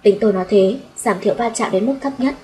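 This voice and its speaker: A woman reading a first-person audiobook story in a steady, blunt way. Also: medium pitch, quick pace, slight background noise, rough recording. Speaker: audiobook narrator.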